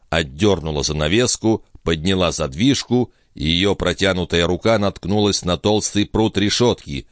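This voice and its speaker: A man reading a novel aloud as an audiobook narrator in an even storytelling delivery. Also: deep voice, no room sound, studio quality. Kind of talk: scripted narration.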